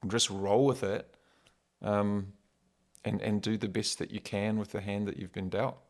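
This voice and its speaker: A man's voice: lowish voice, steady tone, measured pace. A man with a New Zealand accent talking casually and reflectively as a podcast guest, in a wry, informal, philosophical way.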